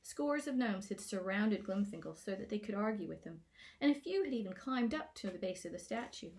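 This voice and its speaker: An author reads her own scripted children's fantasy story aloud, narrating playfully and expressively. Her voice is mid-range and her pace brisk.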